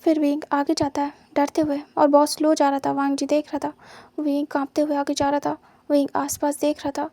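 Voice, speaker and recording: A woman with a high voice reads a story aloud in a steady, plain way. Her pitch barely moves, and the tone is mellow and warm. The recording is close and dry. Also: fairly quick, dry recording. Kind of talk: scripted story narration.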